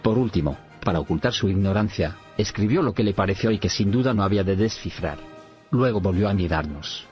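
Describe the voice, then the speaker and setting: A man reading an audiobook in measured narration, sometimes saying punctuation marks aloud. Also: on the low side, lively intonation. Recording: dull lo-fi recording, faint music.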